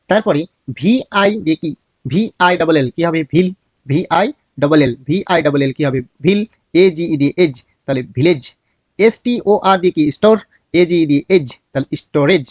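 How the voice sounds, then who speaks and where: Brief: male phonics teacher, Bangladeshi accent, a bit high-pitched, spells and repeats words in a dry, slightly dull recording. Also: lively intonation, normal speed, no echo. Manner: asks a question and answers it himself, drills words repeatedly. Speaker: English teacher.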